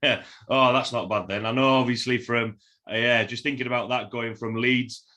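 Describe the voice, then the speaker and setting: A man with a broad Yorkshire accent hosting a casual podcast interview in a halting way, often repeating words. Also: mid-range voice, fairly even intonation, bright, forceful tone. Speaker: podcast host.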